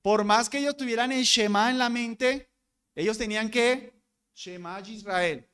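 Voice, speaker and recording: A man teaching a church Bible class in an animated way, stressing points by repeating words and often correcting himself mid-sentence. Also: high voice, unhurried, clear, resonant tone. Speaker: deacon teaching Bible school.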